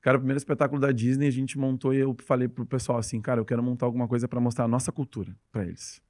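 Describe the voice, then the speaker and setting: A dance teacher from Rio Grande do Sul, Brazil, speaks with a gaúcho Brazilian Portuguese accent as a podcast guest in a casual interview chat. He tells stories with enthusiasm and rapid pace, his medium-pitched, darkish voice showing little pitch movement.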